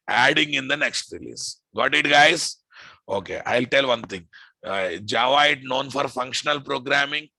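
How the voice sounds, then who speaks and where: Speaking in a gravelly, bright, mid-range voice with a forceful tone, a male coding teacher with a Telugu Indian English accent gives an informal lecture. He stresses points, repeats himself, and often quizzes the class. The low-quality recording has no room sound.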